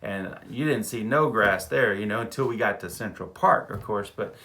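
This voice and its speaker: A man from Texas, an animated storyteller who chuckles often and repeats words in a casual vlog. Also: on the low side, moderate pace. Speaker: vlogger.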